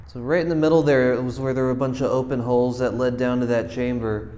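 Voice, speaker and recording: A man's voice: mid-range voice, steady tone, fast talker, dark tone. A man narrating a casual travel vlog, chatty and informal, talking straight to his viewers. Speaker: travel vlogger.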